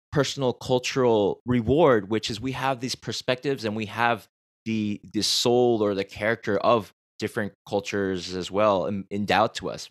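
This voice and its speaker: An American podcast host talks reflectively in a conversational interview, rambling a bit and restarting his sentences. His lowish voice is slightly bright and recorded with no room sound.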